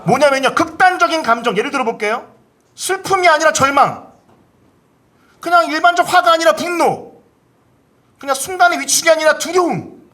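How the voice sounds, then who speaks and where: During a church service, a male pastor gives an animated sermon at a moderate pace, punctuated by long pauses. He voices inner thoughts with wide pitch swings and leads the congregation in repeating key phrases.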